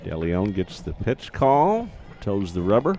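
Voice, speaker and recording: A man doing easygoing, joking play-by-play for a local softball game from an outdoor ballpark. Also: sing-song, measured pace. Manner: easygoing, joking, calls pitches plainly. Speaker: play-by-play announcer.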